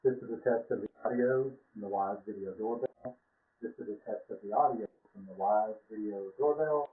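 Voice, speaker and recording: A man talks into a doorbell, and what we hear is its small speaker playing him back. The sound is narrow and tinny, like a phone line, with a hollow echo around it. He keeps his delivery even, just reading out a test. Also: on the low side, normal speed. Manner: repeats a plain test sentence evenly. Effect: voice heard through a doorbell speaker. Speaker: video reviewer testing a doorbell. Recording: tinny, echoey doorbell audio from a distance.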